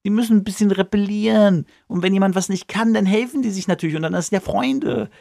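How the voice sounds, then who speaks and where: A man's voice: high-pitched, quick pace, vocal fry, dark tone, no room sound, clean studio sound. A young man hosting a podcast, retelling a book chapter in a casual, slangy way with lots of fillers. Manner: slangy, chatty, many fillers. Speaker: podcast host.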